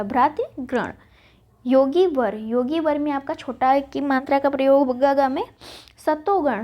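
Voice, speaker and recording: A woman leads an online lesson. She reads out wrong and right spellings, asking and then answering her own questions. The sound is somewhat dull and lo-fi. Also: high voice. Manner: recites word pairs, asks and answers herself. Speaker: Hindi exam-prep teacher. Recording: dull lo-fi audio.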